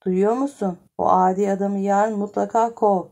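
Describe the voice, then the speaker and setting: A woman playing a demanding sharp-tongued wife. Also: mid-range voice, fairly even intonation, moderate pace, gravelly, lightly acted. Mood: insistent. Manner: insistent, scolding.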